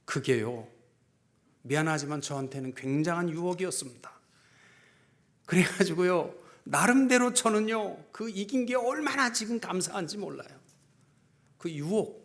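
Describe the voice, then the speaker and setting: A man in his fifties, a pastor preaching a sermon, telling a story and acting out dialogue, dropping to hushed tones and rising to fervent emphasis. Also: sits high, animated, moderate pace, pauses often.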